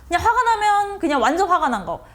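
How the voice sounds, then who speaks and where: A woman's voice: very high-pitched, quick pace. A woman lecturing teachers on how to talk with students, often acting out the lines of teacher and child. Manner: lively, acts out teacher and child lines in a changed voice.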